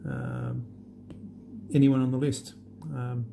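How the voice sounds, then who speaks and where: A man walking through an app demo in a relaxed, halting way with many fillers. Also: mid-range voice, gravelly, slight background noise. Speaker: app demonstrator. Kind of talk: unscripted screen demo walkthrough.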